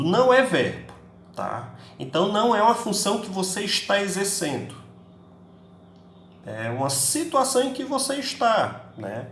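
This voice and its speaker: Animated man teaching in an echoey room. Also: on the high side, slight background noise. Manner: chatty, peppers speech with tag questions, acts out students' questions. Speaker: English teacher. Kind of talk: recorded class lecture. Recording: echoey room, faint ambience.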